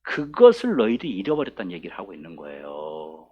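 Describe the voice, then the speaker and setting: A man's voice: low voice, huge pitch swings, a little fast, breathy edge, highs cut off. A male pastor giving a conversational afternoon Bible study sermon in church, often putting questions to the congregation.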